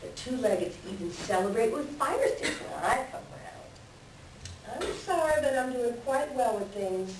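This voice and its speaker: A woman's voice: fairly high pitch, lively intonation, unhurried. A woman playing a sly, self-serving coyote trickster with folksy, rustic speech in a readers theater animal tale. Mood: smug, boastful. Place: library readers theater performance. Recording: roomy, distant mic, faint background noise.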